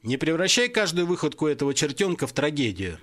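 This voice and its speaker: A man's voice: fairly high pitch, very animated, fast, a bit bright. A man voicing a good-natured father who teases his sons in an audiobook. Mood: easygoing. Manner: hearty, teasing. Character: good-natured joking father of two boys.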